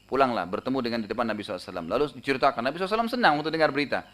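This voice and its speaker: A male Islamic preacher retelling a story in a sermon, in a lively way, often tagging his lines with a casual filler and raising his voice for the story's shouts. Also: medium pitch, racing.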